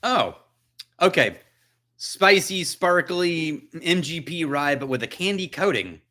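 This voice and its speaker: A man with a bright, forward voice hosts a relaxed whisky tasting livestream from his own home. He chats and jokes with viewers, thinks out loud between sips and answers their comments as they come in. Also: on the high side, takes it slowly. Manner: chatty, joking, thinks aloud while tasting. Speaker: whisky channel host. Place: his own chilly house.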